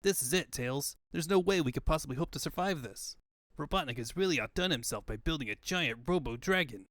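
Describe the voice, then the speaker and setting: A man's voice: fairly high pitch, animated, brisk, fairly bright tone, no room sound, clean studio sound. A man voicing a cocky, easygoing young hedgehog hero in a comic book fandub. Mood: resigned.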